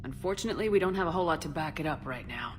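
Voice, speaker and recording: A woman's voice: sits low, animated, rapid-fire, music in the background. An actress playing a tough, decisive female military commander in a video game, speaking bluntly and with composure. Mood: blunt, resolute. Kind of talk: video game character dialogue.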